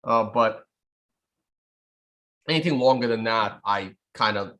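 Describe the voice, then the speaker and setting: This time the Russian-native trading streamer in his thirties speaks slowly, his voice lowish but a bit bright. Broadcasting casually over a webcam video call from his indoor home studio, he wanders through his thoughts unscripted, stopping to restart and filling gaps often.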